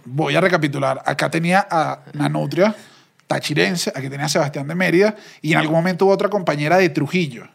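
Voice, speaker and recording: A man with a Caracas Venezuelan accent who hosts a podcast, chatting in an animated way and laughing often. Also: on the high side, quick pace, vocal fry, slightly rough. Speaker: podcast host. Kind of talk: casual chat.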